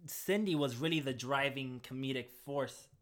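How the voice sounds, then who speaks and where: A man's voice: medium pitch, normal speed. A man co-hosting a podcast, chatting casually about a film and acting out characters' lines as he goes. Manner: animated, acts out lines in quotes. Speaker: podcast co-host. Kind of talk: casual film review chat.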